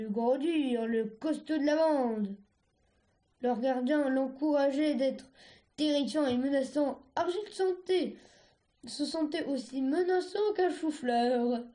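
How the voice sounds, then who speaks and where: A woman reading a storybook aloud in a halting way, often stumbling and restarting words. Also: high voice, warm tone. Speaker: reader.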